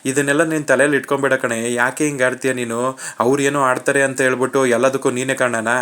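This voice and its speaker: A kind young husband, talkative and teasing, coaxing everyone out of their worries, as a man reads his lines. His voice stays flat and middle-pitched, plain and everyday. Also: quick pace, natural voice. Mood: reassuring.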